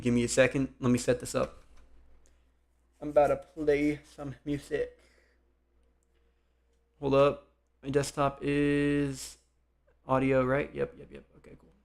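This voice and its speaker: A young man chatting on a live stream from his computer desk, rambling and thinking aloud, speaking louder than his usual soft voice to project. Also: medium pitch, gravelly. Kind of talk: casual live-stream chat.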